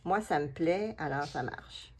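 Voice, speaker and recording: Québécoise woman, low voice, chatting to herself while doing collage, casual craft vlog. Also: husky. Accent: Québécois French. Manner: musing aloud to herself and viewers, chatty and unhurried. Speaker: collage artist.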